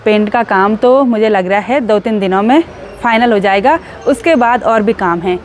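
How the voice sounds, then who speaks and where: A woman's voice: medium pitch, moderate pace, slight background noise. A woman in her thirties vlogging casually, chatty and cheerful, laughing often as she walks and drives around. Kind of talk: casual vlog narration. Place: in a car and walking through a house.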